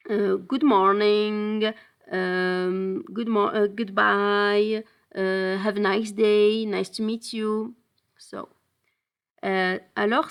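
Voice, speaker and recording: A woman teaching a bilingual language lesson. She explains slowly, moves back and forth between French and English, and often pauses with hesitation fillers. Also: mid-range voice, vocal fry, fairly bright tone.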